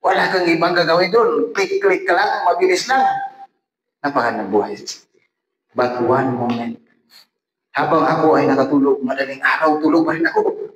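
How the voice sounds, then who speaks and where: Animated preacher, echoey hall. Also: male voice, fairly high pitch, normal speed. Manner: emphatic, animated preaching with frequent direct appeals to the audience. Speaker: preacher at a revival meeting. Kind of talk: evangelistic sermon. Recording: echoey hall with faint ambient noise.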